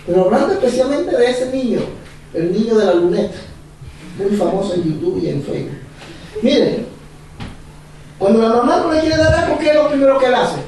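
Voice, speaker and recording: A man's voice: very high voice, brisk, pauses often, distant mic, a little hiss or hum. Man preaching in an echoey church. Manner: animated, repetitive, laughing as he preaches. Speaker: pastor. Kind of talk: sermon. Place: church hall.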